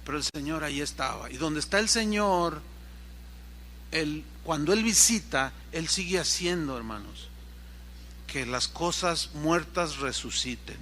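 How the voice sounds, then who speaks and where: A man's voice: a little high, expressive, measured pace, bright, forceful tone, a little hiss or hum. A man pastor giving a sermon, retelling a story and acting out its dialogue. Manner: storytelling preacher who acts out the dialogue. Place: church service.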